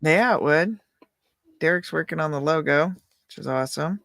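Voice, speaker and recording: A man's voice: on the high side, moderate pace, vocal fry, a bit bright, no room sound, clean studio sound. A man chatting and telling stories casually in a laid-back stoner manner. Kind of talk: casual chat and storytelling.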